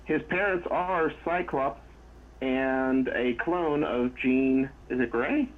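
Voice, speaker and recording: A man's voice: mid-range voice, takes it slowly, phone-quality sound. A man co-hosting a podcast, chiming in with casual questions and jokes about a movie. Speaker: podcast co-host. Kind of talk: casual movie review chat.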